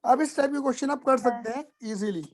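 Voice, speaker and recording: Male tutor, relaxed classroom explainer, checks in with students constantly. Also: very high-pitched, quick pace. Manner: casual, repeats points, asks students if clear. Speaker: accounts teacher. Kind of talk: live online class explanation.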